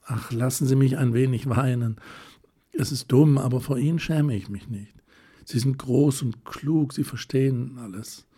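A man voicing a shy, tender young woman who is quick to tears, speaking softly and often in a whisper with a hesitant, wistful manner. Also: medium pitch, breathy edge, voice pushed up, close to an everyday voice.

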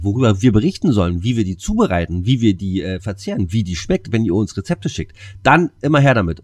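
A man's voice: fairly low pitch, darkish tone. A man hosting a casual podcast, talking chummily and straight to his listeners. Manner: chummy, addresses listeners directly. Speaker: podcast host.

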